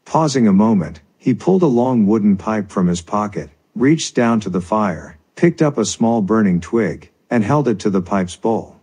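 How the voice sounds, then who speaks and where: A male narrator reads a folk tale in a measured, steady delivery. His voice sits low and has a husky grain. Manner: measured storytelling. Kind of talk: scripted narration.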